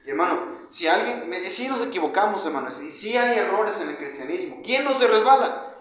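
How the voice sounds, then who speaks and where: A man preaching a conversational sermon, calling his listeners brothers and swinging from loud to quiet. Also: high voice, expressive, brisk. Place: church hall. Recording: echoey church, dull lo-fi sound.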